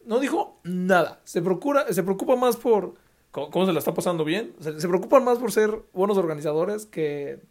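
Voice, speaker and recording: Young Mexican male podcast host, slightly high voice, slangy, animated storyteller who acts out the people he quotes. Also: normal speed. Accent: Mexican Spanish. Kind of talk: casual storytelling.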